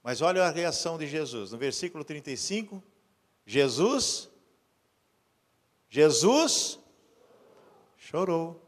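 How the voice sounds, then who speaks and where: High-voiced pastor preaching in a reverberant hall. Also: male voice, sing-song, takes it slowly, long pauses. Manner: builds from low quiet storytelling to loud urgent preaching. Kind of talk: sermon. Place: church.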